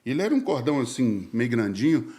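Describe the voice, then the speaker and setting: A man, a pastor telling his life story in a casual, slangy, animated way and acting out the dialogue. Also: medium pitch, brisk. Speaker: pastor, podcast guest.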